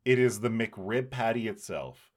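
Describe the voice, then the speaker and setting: A man's voice: fairly low pitch, unhurried. A man hosting a casual podcast, speaking in a playful, wordy, mock-dramatic way. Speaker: podcast host.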